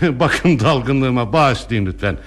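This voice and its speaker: A man's voice: mid-range voice, animated, slow pace. A middle-aged actor playing a courteous, easily flustered father and teacher in a classic radio play. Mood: flustered, gracious. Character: flustered hospitable father, warm and fussy. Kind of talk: 1960s Turkish radio theatre acting.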